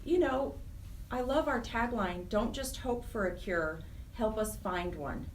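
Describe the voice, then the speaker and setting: An American woman with an expressive, higher-pitched voice speaks a little slowly as a guest in a radio interview. She is program director of a nonprofit chapter and explains things with earnest emphasis, recorded through a distant mic with faint noise.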